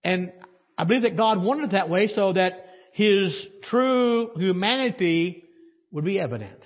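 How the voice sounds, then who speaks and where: This pastor's voice sits high and sounds expressive, moving a little slowly as he preaches in a church sanctuary. His sermon is conversational, full of questions to the congregation and dry sarcasm, and the audio is dull with long reverb.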